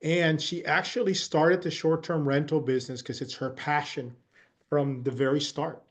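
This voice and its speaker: A man's voice: on the high side, flat delivery, normal speed. A man hosting a webinar, introducing the next speaker in a casual, friendly way over a video call. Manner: casual, friendly, filler-heavy. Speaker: webinar host. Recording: dull video call audio.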